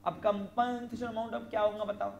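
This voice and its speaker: A commerce teacher lecturing a class, asking questions and answering them, and slowly dictating definitions. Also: medium pitch, flat delivery, vocal fry, reverberant, lo-fi sound, slight background noise. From Maharashtra, India. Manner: quizzes students, answers own questions.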